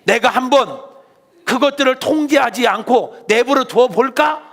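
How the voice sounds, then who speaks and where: A man voicing God in a sermon, stern and loudly scolding. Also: very high-pitched, normal speed, pitched above the performer's own voice, full character voice. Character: stern commanding male God scolding people.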